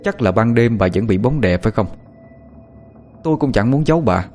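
A man voicing a calm, cunning young man who speaks coldly and with authority. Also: medium pitch, normal speed, soft background music, close to an everyday voice. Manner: calm, cold, commanding.

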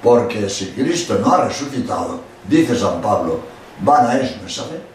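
Older Spanish priest in an echoey hall. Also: male voice, on the low side, measured pace. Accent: Spain Spanish. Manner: animated, acts out quotes, emphatic asides. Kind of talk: religious lecture. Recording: echoey hall from far off with faint noise.

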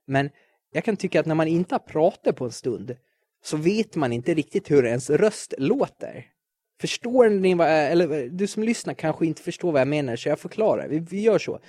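A man's voice: a little high, lively intonation, warm tone, no echo. A man in his late twenties from Sweden hosting a solo podcast, rambling in a jittery, self-mocking way and stumbling over repeated words. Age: late 20s. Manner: jittery, self-described neurotic. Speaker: podcast host. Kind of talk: casual solo podcast monologue.

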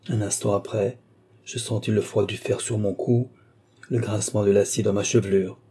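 A frightened young woman pours out her tale with urgent, dramatic dread. A man reads her in a low, husky voice with a mellow, dark tone. It sounds like a storybook audiobook. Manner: urgent, dramatic first-person telling. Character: distraught young woman recounting a dark abduction.

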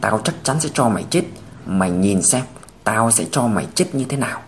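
A man voicing a grief-crazed mother who hurls hysterical, venomous threats, with a lively pitch range. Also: fairly quick, slight background noise.

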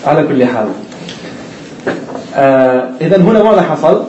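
A man's voice: on the high side, lively intonation, moderate pace, echoey room, muffled recording, noisy background. A man teaching an Arabic grammar class, who explains step by step, asks the students questions and repeats the key words.

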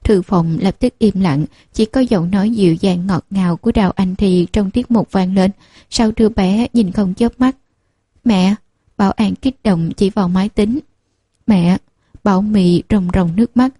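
Husky, dark-voiced woman narrating. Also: medium pitch, normal speed, no room sound. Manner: steady, even storytelling. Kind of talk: audiobook narration of a novel.

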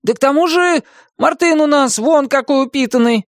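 A reader doing a shrill, excitable young hero. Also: normal speed, no echo, studio quality. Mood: excited. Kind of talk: audiobook character voice.

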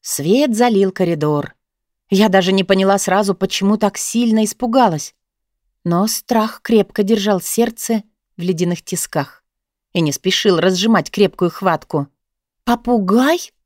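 A woman narrating an audiobook in the first person, with lively, expressive storytelling. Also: mid-range voice, moderate pace, no room sound, clean studio sound.

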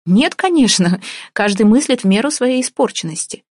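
A woman's voice: fairly high pitch, expressive, normal speed, darkish tone, husky, no room sound, studio quality, pitched above the performer's own voice. A woman reading an audiobook, voicing a pushy, sarcastic young woman who argues with everyone. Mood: indignant. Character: brash feisty young woman, gingerbread seller.

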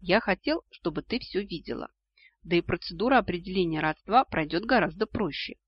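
A man's voice: sits high, brisk, slightly rough, dry recording. A man doing a doting old vampire ancestor. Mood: calm. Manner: calm, explaining, fond. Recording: dull lo-fi audio.

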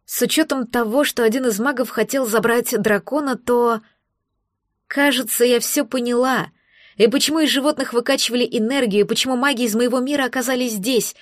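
A woman narrating a first-person fantasy novel, steady and tense. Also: on the high side, brisk, no echo, studio quality. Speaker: audiobook narrator.

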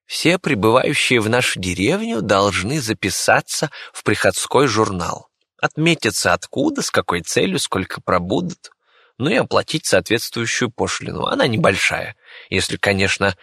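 A man's voice: fairly low pitch, sing-song, normal speed, creaky, pushed and bright, husky, no echo, studio quality, heavily acted. A man voicing a fussy, talkative rabbit-faced village doctor in an audiobook, speaking in a chatty, slightly ingratiating way. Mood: explaining. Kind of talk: audiobook character voice.

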